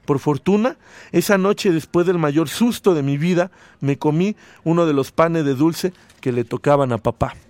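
Male radio host, higher pitch, dry studio mic, animated story reader. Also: moderate pace, dry recording. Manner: expressive reading, voices quoted lines loudly. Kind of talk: dramatic story reading, then casual radio chat.

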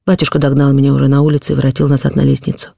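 A woman's voice: extremely low pitch, monotone, very fast, creaky, mellow, no room sound, clean studio sound. A woman reading a classic novel aloud as an audiobook, narrating in the first person with feeling.

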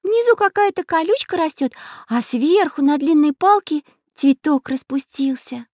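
A woman voicing a curious little girl who is excited and full of wonder. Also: high-pitched, moderate pace, dry recording, studio quality, pitched above the performer's own voice. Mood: delighted.

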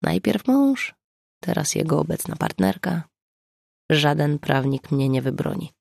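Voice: mid-range voice, unhurried, dry recording, exaggerated voice. Brief: narrator as a composed woman, firm and reassuring, dry close sound. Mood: worried. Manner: calm, clear and firm. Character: grown woman, steady and reassuring.

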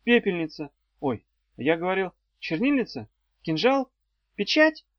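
A man's voice: high voice, very animated, unhurried, dry recording, voice pushed up. A man voicing a glum, cheeky twelve-year-old boy apprentice who makes unsure guesses, in a dry, slightly dull recording. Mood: sulky.

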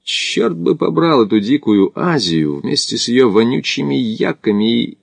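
A man voicing a brash, talkative Australian male climber with a brisk, mocking manner. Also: medium pitch, sing-song, creaky, no room sound, voice pushed up, full character voice.

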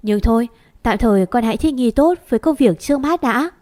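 A woman's voice: a little high, animated, a little fast, darkish tone, lightly acted. A woman voicing an old grandmother who scolds fondly and gives homely advice. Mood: chiding.

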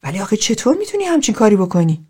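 A woman voicing an agitated, baffled man who speaks in a loud, exasperated and fast way. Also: mid-range voice, big pitch swings, breathy edge, pitched above the performer's own voice.

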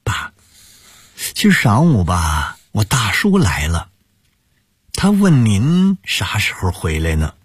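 A man's voice: lowish voice, huge pitch swings, takes it slowly, pauses often, breathy edge, no room sound, clean studio sound, full character voice. A man voicing a shy, playful teenage daughter, pleading coyly. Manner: coy, pouting pleas.

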